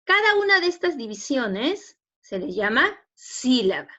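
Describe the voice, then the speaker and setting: Peruvian lady teacher explaining syllables slow n patient, asks "right?" a lot, kinda muffled lo-fi recording. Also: high voice, sing-song, sharp tone. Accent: Peruvian Spanish. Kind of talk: spelling lesson for students. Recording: dull lo-fi recording.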